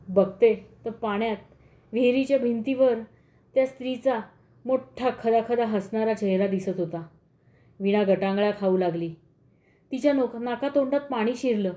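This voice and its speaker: A woman's voice: fairly high pitch, warm tone. Woman narrating a horror tale.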